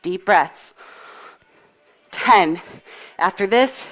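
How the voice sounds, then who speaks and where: A woman's voice: medium pitch, animated, extremely slow, fairly bright tone. A woman coaching a live workout, out of breath while she cues moves and counts down. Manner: upbeat, encouraging, cues moves while exercising. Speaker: fitness instructor. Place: fitness studio.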